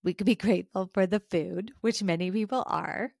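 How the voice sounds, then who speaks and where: An American woman hosts a reflective solo podcast, speaking earnestly and encouragingly and posing questions to her listeners. Her voice is medium in pitch, gravelly and darkish, at a normal speed, in a dry, studio-quality recording.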